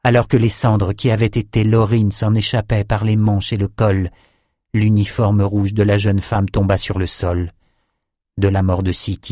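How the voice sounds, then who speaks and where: A man reading a fantasy novel aloud in measured, dramatic scripted narration. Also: lowish voice, darkish tone, no echo, clean studio sound. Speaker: audiobook narrator.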